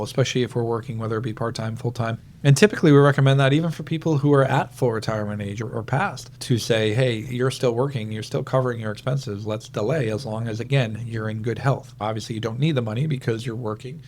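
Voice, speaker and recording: A man in the middle pitch range talks through retirement rules on a planning podcast. He is methodical and patient, working through the figures one step at a time. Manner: steady, methodical explaining with worked number examples. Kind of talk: explanatory podcast talk.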